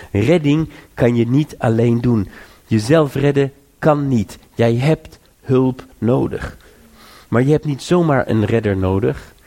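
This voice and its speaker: A man's voice: mid-range voice, gravelly, warm tone. A man preaching a sermon, earnest and exhorting, repeating phrases and rising to urge listeners.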